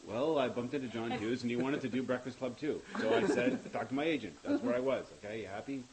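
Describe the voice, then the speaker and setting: A man, the show's creator, chatting casually on a commentary track, joking and rambling with quick self-mocking asides. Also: medium pitch, over a noisy crowd, rough recording.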